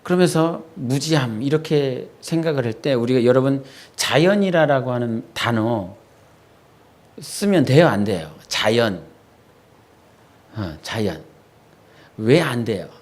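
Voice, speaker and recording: A man's voice: medium pitch, expressive. Male pastor preaching conversationally. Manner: conversational preaching, quizzing the congregation with quick questions. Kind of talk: sermon at a midweek church service. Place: church sanctuary.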